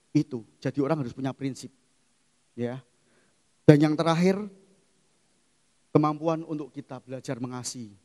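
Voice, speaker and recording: A middle-aged male pastor preaching a sermon, emphatic and swinging from quiet asides to loud exclamations. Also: on the high side. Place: church hall. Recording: long church hall reverb.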